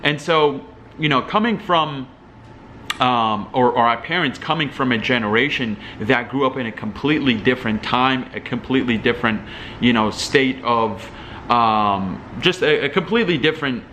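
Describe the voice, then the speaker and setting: A young adult man from Algeria, an entrepreneur vlogger, talks to the camera in casual commentary, rambling with lots of fillers and restarts. His voice is mid-range and sharp-toned at a moderate pace, with a little hiss or hum.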